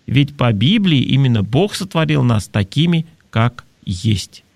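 A talk show host reads listener messages and gives advice in a reflective, conversational way, explaining points and asking rhetorical questions. His mid-range voice is gravelly and darkish, swinging widely in pitch at a measured pace, recorded dry.

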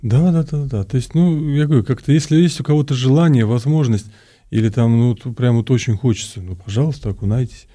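A man's voice: mid-range voice, fast, mellow. A man, a priest being interviewed, explains things conversationally, often repeating words and searching for his phrasing. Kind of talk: conversational explanation, answering questions.

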